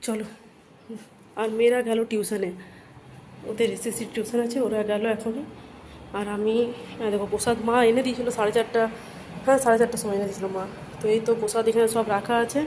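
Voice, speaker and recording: A woman in her thirties with a Bengali accent, chatting softly to viewers in a home vlog, her throat dry. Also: fairly high pitch, steady tone, a little hiss or hum. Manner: talks softly and slowly to save a dry throat. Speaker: vlogger. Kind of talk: casual vlog chat to viewers.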